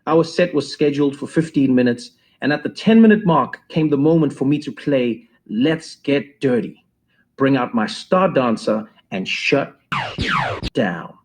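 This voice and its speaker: A man narrating a first-person memoir in an expressive storytelling voice. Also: mid-range voice, measured pace. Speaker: audiobook reader.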